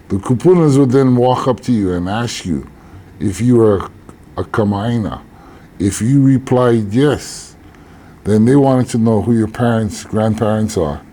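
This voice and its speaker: Older guy teaching old ways, slow and measured, dark mellow voice. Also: fairly low pitch. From Hawaii. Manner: slow, measured, with deliberate pauses. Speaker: Hawaiian elder teacher. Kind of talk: spoken teaching on tradition.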